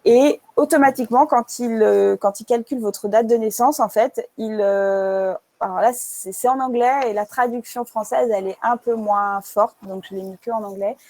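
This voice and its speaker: Young French-accented woman presenter, creaky voice, halting delivery full of restarts. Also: a little high, darkish tone, dry recording. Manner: hesitant, many fillers and restarts. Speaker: UX writer presenting. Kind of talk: casual presentation to an audience.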